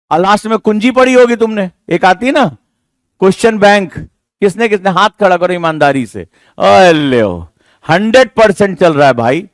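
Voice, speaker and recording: An exam coaching teacher lectures a classroom of students in a voice pitched high for a man. He's emphatic and rhetorical, teasing and scolding in a jokey way as he drives each point home. The sound is dry and close, with no room sound.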